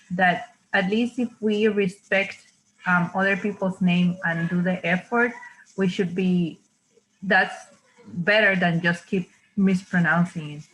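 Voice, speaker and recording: A woman's voice: mid-range voice, a bit bright, a little hiss or hum, rough recording. A woman from Puerto Rico with a Puerto Rican Spanish accent, a native Spanish speaker, sharing thoughtful conversational remarks in a panel discussion.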